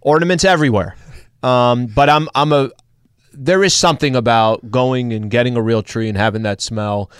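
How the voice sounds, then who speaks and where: A man co-hosting a sports radio show in a relaxed, bantering way. His voice sits in a middle pitch with a dry, close sound. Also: moderate pace, smooth, no room sound. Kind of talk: casual sports talk.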